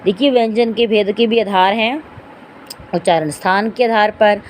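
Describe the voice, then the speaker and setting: Over a faint hiss or hum, a woman with a mid-range voice leads an online Hindi grammar class at a moderate pace. She breaks sounds down one by one and regularly checks on her students with "theek hai" and "dekhiye."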